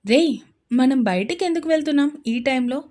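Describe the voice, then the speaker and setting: A woman's voice: high voice, expressive, brisk, mellow. A woman voicing a bewildered young man asking questions. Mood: puzzled. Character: young man, puzzled friend.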